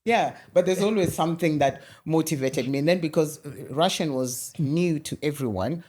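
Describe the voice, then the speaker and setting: A Kenyan woman in middle age is a guest on a conversational interview, telling lively stories and often restarting her sentences. Her voice sits low and she speaks at a normal speed.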